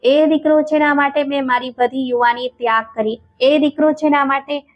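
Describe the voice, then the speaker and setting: High-voiced woman telling a sad story. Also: fairly even intonation, normal speed. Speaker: storyteller narrator. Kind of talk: scripted emotional first-person story narration. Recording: dull lo-fi with faint music.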